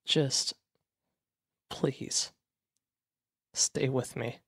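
A man voicing Logic, a devoted, witty partner in an audio drama, gentle and reassuring. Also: mid-range voice, fairly even intonation, drawn-out words, breathy edge, no echo, studio quality, heavily acted. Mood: tender.

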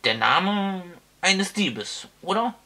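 Man doing a booming, rambling toothless old wizard. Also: sing-song, slow pace, bright, forceful tone, exaggerated voice. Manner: bellowing, rambling, giggly. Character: ancient toothless male wizard, booming and scatterbrained. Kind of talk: audiobook character voice.

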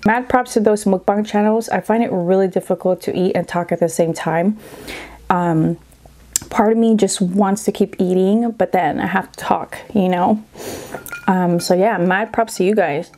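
A mukbang YouTuber vlogs while eating on camera, chatting casually between bites and murmuring at her food as she recovers from a cold, sounding slightly congested. Her voice is medium-pitched, steady, dark in tone and at normal speed, with a little hiss or hum.

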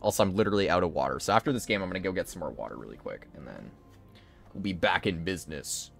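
A male streamer with a fairly low, strained, tired-sounding voice, chatting with viewers between tank battles. He laughs often and drops casual slang, his pitch moving freely, with light music underneath. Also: animated, fast, vocal fry. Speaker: game streamer. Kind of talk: casual live-stream chat.

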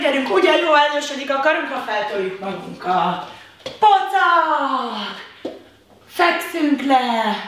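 A woman teaching a children's exercise class, talking to the kids in a lively way and calling out commands. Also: high-pitched. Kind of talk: leading a kids' workout video. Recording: very echoey room, voice from a distance, faint noise.

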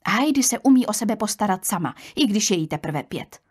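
A woman reading an audiobook, voicing a curt, hurried young aunt who brushes off questions. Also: mid-range voice, animated, a little mellow, breathy edge. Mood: curt, impatient. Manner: brusque, dismissive. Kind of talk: audiobook character voice.

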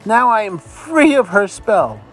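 A man's voice: sits high, very animated, unhurried, a bit bright, soft background music, voice pushed up, exaggerated voice. A man doing a lonely, pleading frog prince. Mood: grateful.

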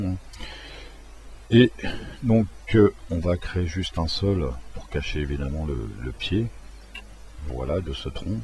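A man walking through a software tutorial in a casual, hesitant way, with many fillers and restarts. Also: extremely low pitch. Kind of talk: casual screen-recorded tutorial.

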